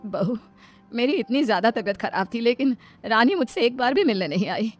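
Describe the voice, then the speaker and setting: Cartoon mother-in-law, older and strict, sharp-tongued, voiced by a woman. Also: on the high side, lively intonation, moderate pace, soft background music, natural voice. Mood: softer. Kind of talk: animated storybook voice acting.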